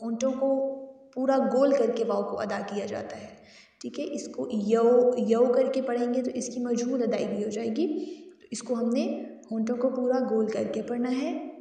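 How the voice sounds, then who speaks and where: A woman teaching tajweed, reciting verses slowly and melodically, then explaining pronunciation quickly. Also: fairly high pitch, mellow. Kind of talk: tajweed lesson with slow recitation. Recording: echoey, distant, faint music.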